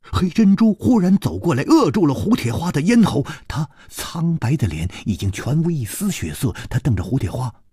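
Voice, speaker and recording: A man narrating a martial-arts novel as a radio storyteller, with a dramatic, highly varied delivery. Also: very animated, moderate pace, dark tone, husky, no room sound, studio quality.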